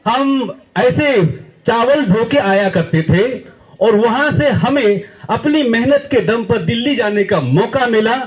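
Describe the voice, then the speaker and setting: Visiting a school as a guest speaker, a young man from India motivates the schoolchildren emphatically, questioning the audience and acting out examples as he goes. He speaks slowly and expressively in an extremely high-pitched voice, and the recording is low quality.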